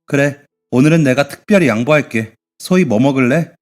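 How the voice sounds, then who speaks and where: A man's voice: mid-range voice, animated, a little fast, soft background music, lightly acted. A man voicing a young man who teases his younger sister in a radio drama. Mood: teasing. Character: young man, teasing older brother on army leave.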